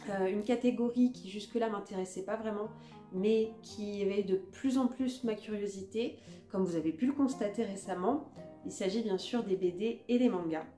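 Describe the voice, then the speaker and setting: A book vlogger chats casually about her reading list, relaxed and self-mocking, with plenty of fillers. Her voice is medium-pitched, and the recording is reverberant.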